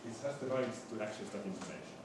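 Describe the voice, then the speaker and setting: Speaking in a hesitant, stop-start manner, a man lectures on an academic subject and frequently stammers over the starts of his words. The audio is very echoey, distantly miked, and noisy with rumble.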